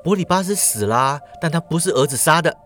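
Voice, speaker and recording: A frightened queen, speaking fast and agitated in a raised, pleading voice, as a male storyteller puts her on. The voice rises well above his own, with wide swings in pitch. It is an audio storybook retelling. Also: expressive, a bit bright.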